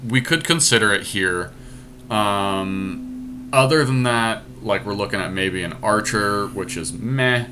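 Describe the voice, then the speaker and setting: Soft music plays behind a man whose lowish, sharp-toned voice moves slowly as he talks through his card draft choices. He's a podcast co-host reasoning out loud in a relaxed, analytical way, recorded through an amateur screen capture with faint noise.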